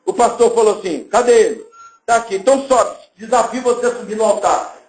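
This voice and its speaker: Male Brazilian pastor, high lively voice, roomy church sound. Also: a little fast. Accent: Brazilian Portuguese. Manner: lively preaching, acts out little scenes and voices. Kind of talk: sermon.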